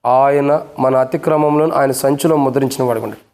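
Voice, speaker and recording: A man's voice: mid-range voice, fairly even intonation, fairly quick, darkish tone. A man preaching a fervent sermon as pastor at a church service. He hammers the congregation with repeated rhetorical questions and stern warnings. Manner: scolding, warning tone.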